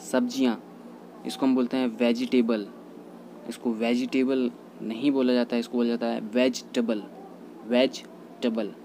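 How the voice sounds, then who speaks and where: A man teaching English pronunciation in a lesson, repeating each word slowly and carefully. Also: medium pitch, little pitch movement, dark tone, slight background noise, rough recording. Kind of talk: Hindi-language pronunciation lesson.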